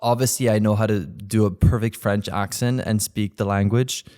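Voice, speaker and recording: A man's voice: fairly low pitch, fairly even intonation, normal speed, mellow, clear, resonant tone. A man in his twenties from Belgium, chatting casually as an interview guest and leaning on "like" as a filler. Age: 20s. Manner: rambling, heavy use of "like" fillers. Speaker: guest, content creator.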